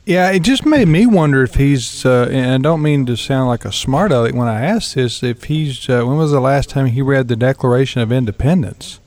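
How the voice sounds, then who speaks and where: A man's voice: mid-range voice, lively intonation, moderate pace, few pauses, a little mellow. A man co-hosting a commentary talk show, conversational and mildly wry. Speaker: co-host.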